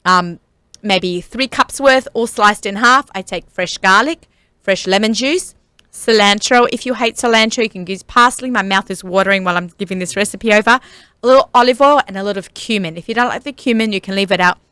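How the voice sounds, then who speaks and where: A woman's voice: mid-range voice, brisk, bright, forceful tone, clear, resonant tone, no room sound. A woman hosting a cooking talk show on the radio, chatting casually and laughing often.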